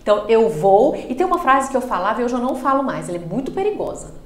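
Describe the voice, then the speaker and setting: Expressive Brazilian woman explaining voice. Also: fast talker. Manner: expressive, swings pitch and loudness to make points. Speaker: speech therapist guest. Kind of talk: explanatory podcast interview. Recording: roomy studio echo.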